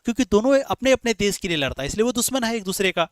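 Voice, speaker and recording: A man's voice: high voice, sing-song, racing, clear, resonant tone, no echo. A man teaching an online exam-prep class, repeating points and asking rhetorical questions to his dear students. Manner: repetitive, explains in rhetorical questions, calls students dear children.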